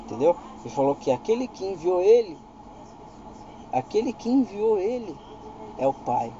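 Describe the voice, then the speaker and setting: Brazilian guy doing casual bible teaching, very dark mellow voice, kinda muffled lo-fi recording. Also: sits high, very animated, moderate pace, a little hiss or hum. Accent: Brazilian Portuguese. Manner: keeps asking "entendeu?", reads verses aloud with rising emphasis. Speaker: preacher. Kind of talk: informal Bible teaching video.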